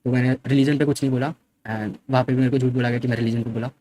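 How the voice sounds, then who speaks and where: A young man, a streamer, retelling a fight in a fast and defensive way and mixing in English words. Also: mid-range voice, level tone, noisy background. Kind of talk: casual storytelling.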